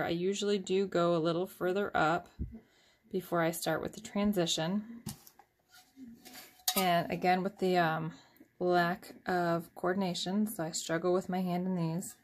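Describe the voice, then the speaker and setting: A woman's voice: fairly low pitch, flat delivery, measured pace. A woman in her thirties hosting a casual, rambling craft tutorial at home, often joking about herself. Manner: chatty, rambling and self-deprecating. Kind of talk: casual step-by-step craft demonstration.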